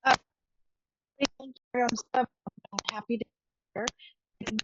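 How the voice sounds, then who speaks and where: A woman from Ventura, California, joining a group video call. Her audio keeps breaking up and she talks in halting, hesitant bits. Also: fairly high pitch, fairly even intonation. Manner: halting, hesitant, stops and restarts. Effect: choppy audio breaking up on a video call. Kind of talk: casual greeting on a group call. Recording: dull lo-fi call line with faint noise and clicks.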